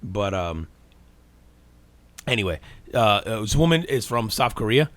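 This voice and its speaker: A man's voice: lowish voice, expressive, a little slow, fairly bright tone, no echo. An American man hosting a podcast in casual, profane banter, talking like a frat bro with lots of slang. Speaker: podcast host.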